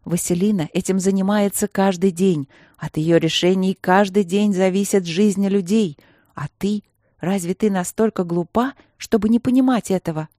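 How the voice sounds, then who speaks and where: A cold, contemptuous younger sister, as a woman reader puts her on, speaking in a heavy, measured way. The voice is dark and mellow, the room dry. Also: mid-range voice, dry recording, lightly acted.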